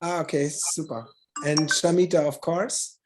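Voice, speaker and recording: A moderator opening an online conference session over a video call. The delivery is halting and full of restarts, with the odd phrase from another language slipped in. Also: mid-range voice, steady tone, darkish tone, a little hiss or hum.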